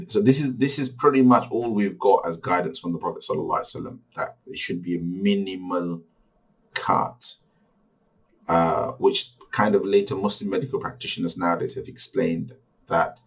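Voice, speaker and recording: A middle-aged man from Bangladesh teaching a recorded religious course lecture, halting with many restarts. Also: low-pitched, slightly rough, far from the mic, low-quality recording.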